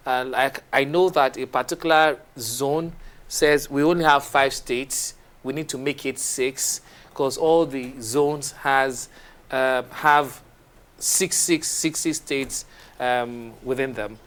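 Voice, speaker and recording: A Nigerian man hosting a studio discussion on a morning TV show, asking questions with animated, halting restarts. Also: mid-range voice, smooth.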